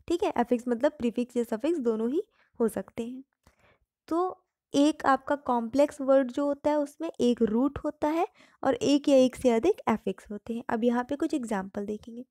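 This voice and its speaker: A woman's voice: high-pitched, warm tone, dry recording, clean studio sound. A woman teaching English grammar in Hindi, patiently explaining each term and repeating examples.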